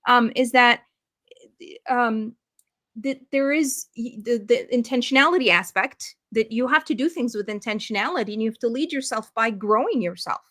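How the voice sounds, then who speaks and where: A woman's voice: fairly high pitch, normal speed, a bit bright. A woman hosting an interview, speaking hesitantly with many fillers and restarts while affirming her guest. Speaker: host.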